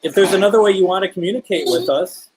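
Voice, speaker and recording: A man's voice: high voice, quick pace, noisy background. A man hosting a live paranormal session, chatting casually and putting questions to spirits and viewers. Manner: conversational, addressing unseen listeners with questions. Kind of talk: casual live-stream chat, calling out to spirits.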